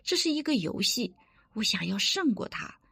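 Lively woman preaching a sermon. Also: a little high, normal speed, creaky, breathy edge, no room sound, studio quality. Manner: earnest, instructive, quotes scripture.

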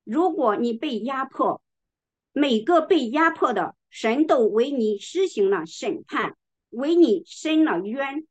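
A woman delivers a sermon in a slow, measured way, leaning on each word as she reads scripture. Her voice sits somewhat high, and she clears her throat now and then. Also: animated, dull audio. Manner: slow, deliberate, emphatic reading of scripture. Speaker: preacher.

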